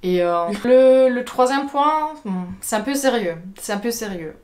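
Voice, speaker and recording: A woman's voice: a little high, animated, measured pace, darkish tone. A woman from Germany with a German accent, telling personal stories casually to her viewers, with many hesitations and repeated words. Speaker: vlogger. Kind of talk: casual personal storytelling to camera.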